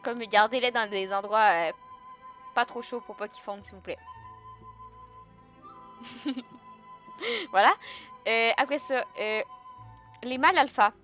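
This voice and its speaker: A woman's voice: fairly high pitch, normal speed, pauses often, fairly bright tone, faint music behind. A young woman with a Québécois French accent chatting casually on a live stream, joking and answering her chat.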